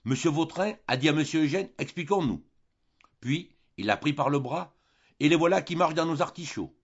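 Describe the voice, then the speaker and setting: A man voicing a plump, bustling female cook with blunt, excited chatter in an audiobook. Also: fairly high pitch, fairly quick, breathy edge, dull audio, pitched above the performer's own voice.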